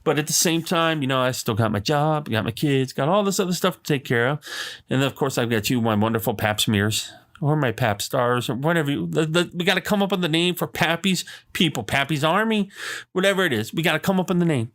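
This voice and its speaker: A little high and fairly bright, this Arizona podcast host talks a touch fast with lively intonation. Alone on the mic, he rants in a rambling, excited way, constantly dropping fillers and asides.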